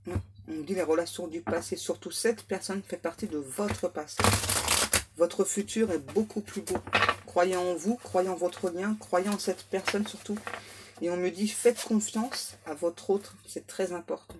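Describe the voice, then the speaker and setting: A woman giving a spoken card reading as a medium, repeating herself with many fillers and clearing her throat often. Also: fairly low pitch, fairly even intonation, measured pace, heavy background noise. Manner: repetitive, filler-heavy, insistent. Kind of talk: spoken tarot guidance to viewers.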